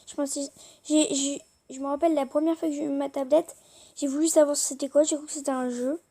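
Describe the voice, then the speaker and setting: High-voiced young woman, rambling casually. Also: level tone, brisk, dark tone. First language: French. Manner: rambling, hesitant, many fillers. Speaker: YouTuber showing her tablet apps. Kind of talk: casual screen-recorded chat.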